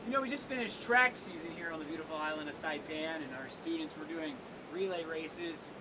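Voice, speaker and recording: A young man serving as a workout host gives casual coaching in a seaside cave, joking and counting down for viewers in a very animated, fairly quick, creaky voice. The sound comes from a distant camera on a tripod, and the outdoor recording is noisy with waves rumbling.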